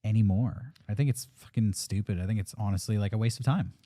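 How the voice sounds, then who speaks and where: A man's voice: on the low side, fast, warm tone, no room sound, studio quality. Reflective man in his late thirties. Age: 30s. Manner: candid, reflective, swears casually. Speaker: podcast co-host. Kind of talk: casual podcast chat.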